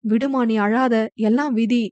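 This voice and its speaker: A woman's voice: fairly high pitch, fairly even intonation, a little slow, darkish tone, no echo, lo-fi sound, lightly acted. A woman narrator voicing a middle-aged mother who fusses and soothes her daughter in a chiding, caring manner. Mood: consoling.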